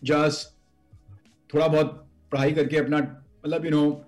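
A man's voice: a little high, flat delivery, very fast, a little mellow, soft background music. Middle-aged man with a north Indian accent. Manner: hesitant, repeats words, mixes Hindi into English. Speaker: interview guest. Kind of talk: casual reminiscing.

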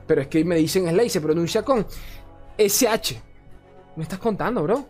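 A lively man talks through game cards in an offhand, chatty review. He curses freely, gets worked up and trips over names he can't recall. Faint music plays underneath. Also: high voice, normal speed. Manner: animated, swearing, ranting, often stumbling over forgotten names. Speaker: card game content creator. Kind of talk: casual card review commentary.

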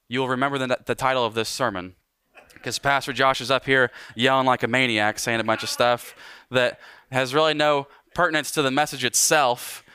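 Bright, clear-voiced man preaching. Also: medium pitch, dry recording, studio quality. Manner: animated preaching, slows for emphasis. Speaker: pastor. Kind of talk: sermon.

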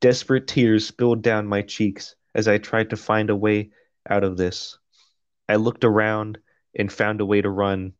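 Slow, low-voiced man reading aloud. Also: dry recording, highs cut off. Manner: reads prose flatly, breaks off for profane jokes and laughter. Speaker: podcast co-host reading a novel aloud. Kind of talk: casual chat and reading aloud.

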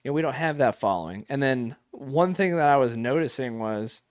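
A man's voice: medium pitch, animated, a little fast, dry recording, clean studio sound. A man co-hosting a casual podcast, talking in a rambling way with many fillers and restarts. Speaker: podcast co-host. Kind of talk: casual chat.

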